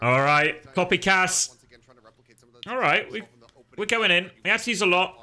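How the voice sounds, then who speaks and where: A man live-streaming casual reactions to an esports match and chatting with viewers, wry, sweary and excitable. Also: high-pitched, a little slow.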